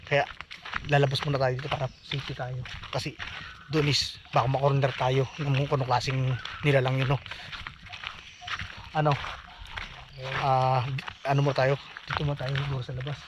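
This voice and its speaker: A man vlogging outdoors near a forest, talking in a hushed, uneasy way and urging his companion to leave. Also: mid-range voice, monotone, moderate pace, long pauses. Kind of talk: casual vlog narration. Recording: dull lo-fi phone audio with outdoor noise.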